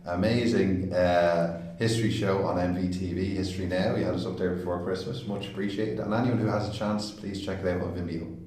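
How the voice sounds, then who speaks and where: A man's voice: low-pitched, steady tone, brisk, a little mellow. A man hosting a history podcast, reading a polite scripted intro and then asking a guest questions. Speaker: podcast host. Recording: roomy, distant mic with faint noise.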